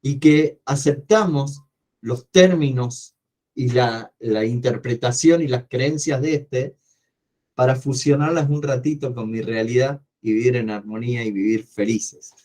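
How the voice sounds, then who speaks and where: A man with an Argentine accent teaching an online coaching class, talking loudly and energetically and putting questions to the class that he answers himself. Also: medium pitch, a little slow. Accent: Argentine Spanish. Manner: loud, energetic way of speaking. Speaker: coaching course instructor.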